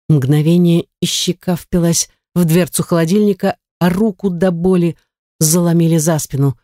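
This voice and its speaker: An audiobook narrator reading a first-person story in a steady, measured way. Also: mid-range voice, dry recording, studio quality.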